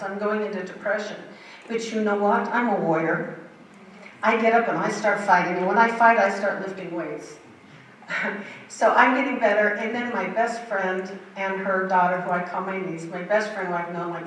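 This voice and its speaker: An older woman tells her story with vivid emphasis as a testimony in a church sanctuary. The mic is distant, so her medium-pitched, slightly bright voice comes from afar through the hall's heavy echo, with slight background noise.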